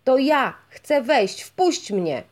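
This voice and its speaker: A woman voicing a simple, blunt fisherman who calls out loudly and pleads, in a storybook reading. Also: on the high side, lively intonation, a little slow. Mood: eager. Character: simple, blunt male fisherman, humble later.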